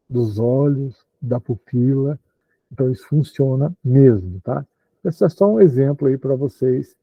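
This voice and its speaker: A man with a Brazilian Portuguese accent teaching an online class, chatty and animated, acting out dialogues as examples. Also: vocal fry, husky, dry recording. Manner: chatty, animated, acts out dialogues with high put-on voices. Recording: tinny phone-like call audio.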